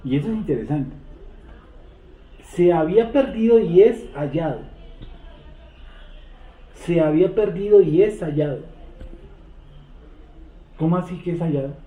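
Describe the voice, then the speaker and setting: A man leading a Bible study, quizzing the seated group and repeating verses slowly. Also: on the high side, expressive, warm tone. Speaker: Bible teacher. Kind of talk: interactive Bible study teaching. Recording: echoey room over a tinny phone-like line.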